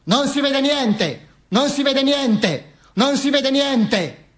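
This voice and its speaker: A man voicing a furious crowd in a solo stage monologue, chanting and jeering in loud mocking shouts. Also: very high-pitched, lively intonation, takes it slowly, voice pushed up, exaggerated voice. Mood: clamoring.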